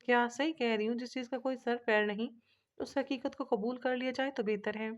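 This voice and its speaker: Woman narrator reading a romance novel, lightly shifts her voice for each character, higher register, muffled recording. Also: fairly even intonation, brisk. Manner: reads all characters' dialogue in a lightly shifted voice.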